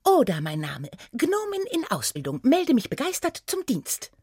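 A woman voicing a tiny, excited female gnome trainee who chatters eagerly in a high, bouncy voice. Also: normal speed, slightly rough, no room sound, studio quality, exaggerated voice.

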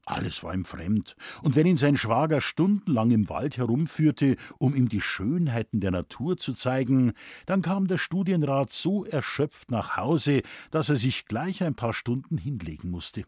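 A man reading a humorous story aloud as the narrator, with a lively, expressive delivery. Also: mid-range voice, unhurried, hardly any pauses, slightly rough, no room sound, studio quality. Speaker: audiobook reader.

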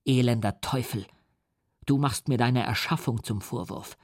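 A man's voice: mid-range voice, measured pace, no echo, clean studio sound, lightly acted. A man playing an enraged young male scientist in an audiobook, declaiming furiously. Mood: scornful. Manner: furious declamation, some lines hushed.

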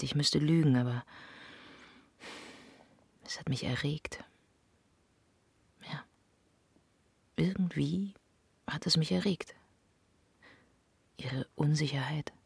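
A woman's voice: low voice, takes it slowly, creaky, long pauses, husky, no room sound. A woman delivering a literary first-person monologue in an intimate, often half-whispered voice. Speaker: narrator.

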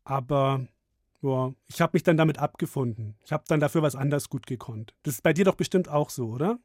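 Low-voiced, chatty woman radio host. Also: a little fast, a little mellow, no echo, studio quality. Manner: chatty and encouraging with callers. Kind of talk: children's radio call-in chat.

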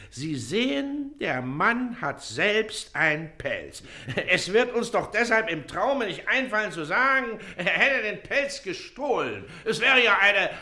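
An actor playing a pompous, impatient district official in a radio play, talking down to the people before him. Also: male voice, sits high, bright, forceful tone, exaggerated voice. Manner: condescending, lecturing.

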